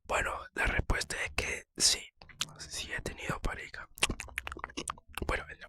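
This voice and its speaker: A man whispers casually in an ASMR style, close to the microphone. The whisper is very bright and sibilant, with hardly any voiced tone. He talks in a personal, slightly hesitant way, pausing softly as he thinks. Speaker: ASMR creator answering viewer questions.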